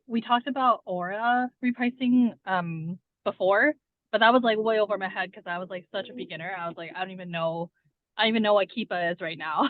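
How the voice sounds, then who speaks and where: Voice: medium pitch, no echo. A caller driving while talking over a car speakerphone, asking curious questions in a casual, apologetic way with many okays. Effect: calling in over a car speakerphone. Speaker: student caller on a group coaching call. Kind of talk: casual questions on a group call. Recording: tinny phone line, dry.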